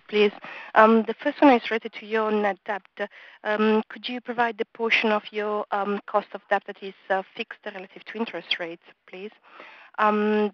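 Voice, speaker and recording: A woman's voice: medium pitch, no room sound. A woman financial analyst asking polite, careful questions on an earnings conference call. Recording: dry, muffled phone line.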